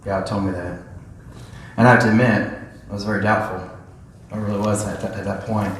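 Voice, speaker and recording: A man telling his testimony in church, animated, acting out the dialogue as he tells his story. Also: on the low side, fast talker, slight background noise. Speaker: church member giving a testimony. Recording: echoey church hall, voice heard from a distance.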